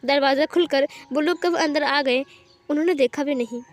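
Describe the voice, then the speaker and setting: A woman's voice: high voice, moderate pace. A woman narrating a fanfiction story, reading every character's lines herself with emotional, pleading delivery. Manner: emotional, acts out dialogue with stammers and pleading.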